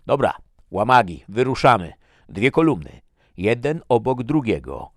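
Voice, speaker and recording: A man voicing a male army commander who shouts orders in an audiobook reading. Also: medium pitch, very animated, measured pace, no echo, clean studio sound, voice pushed up. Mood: commanding.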